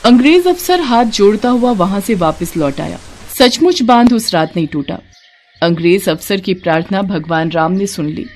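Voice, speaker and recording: Expressive woman telling devotional stories. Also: mid-range voice, moderate pace, slight background noise. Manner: expressive, dramatic. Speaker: storyteller. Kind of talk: devotional story narration.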